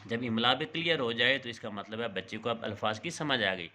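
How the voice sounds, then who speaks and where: Man slowly sounding out letters. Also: medium pitch, expressive, pushed and bright. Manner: slow, spelled-out letter drills. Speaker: Urdu teacher. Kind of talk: instructional lesson.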